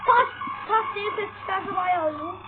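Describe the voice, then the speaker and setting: Very high-pitched, jumpy female gamer. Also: normal speed, over music. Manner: jumpy, yelps at sudden sounds. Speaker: gaming channel host. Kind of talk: casual gameplay commentary. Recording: tinny phone-like sound, faint noise.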